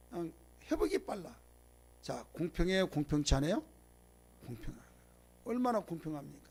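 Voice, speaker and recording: A high-pitched male pastor delivers a sermon lecture on the Bible to his congregation. He leads call-and-response, has them repeat phrases after him, and swings between loud emphasis and quiet asides.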